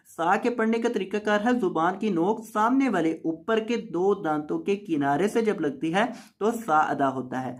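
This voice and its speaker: A man teaching Quran recitation, patiently explaining each sound step by step and chanting the words slowly. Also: high-pitched. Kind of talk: tajweed lesson with slow recitation.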